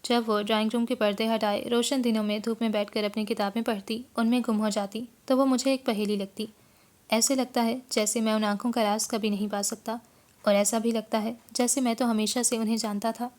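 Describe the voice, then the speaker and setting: A woman narrating a romance novel as an audiobook in a measured, expressive storytelling manner. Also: a little high.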